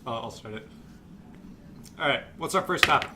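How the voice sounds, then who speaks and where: A young man hosting a casual podcast chat, talking in a halting way with frequent restarts. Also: medium pitch, expressive, background noise. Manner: halting, hesitant, many restarts. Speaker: podcast host.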